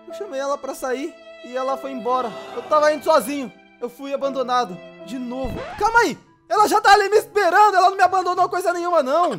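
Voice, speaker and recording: A Brazilian man calls out his gameplay in a lively, bouncy voice that leaps up and down in pitch. He exclaims and jokes straight to his viewers, with soft music playing faintly underneath. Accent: Brazilian Portuguese. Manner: excitable, exclaiming and joking to the viewer. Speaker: gaming YouTuber. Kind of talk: playful gameplay commentary.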